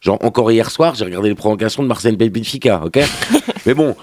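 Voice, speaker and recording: A man's voice: lowish voice, animated, a little fast, darkish tone, dry recording, studio quality. A man with a French accent delivering a sarcastic, slangy TV review as a morning radio columnist. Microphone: studio microphone.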